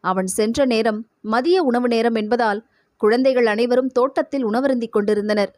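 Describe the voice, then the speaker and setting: A woman's voice: a little high, no echo, studio quality. Woman narrating an audio novel. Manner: steady, measured storytelling.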